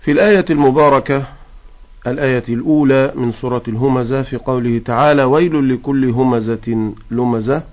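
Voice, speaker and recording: A man teaching Quran recitation, explaining pronunciation rules patiently and chanting the verses in a slow, drawn-out melodic style. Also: medium pitch, a little mellow. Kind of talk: tajweed lesson with recitation.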